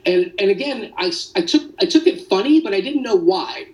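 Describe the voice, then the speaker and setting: Dad on a remote news interview, halting and emotional, lots of restarts, sounds far from the mic. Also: male voice, high-pitched, animated, darkish tone. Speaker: interview guest, father.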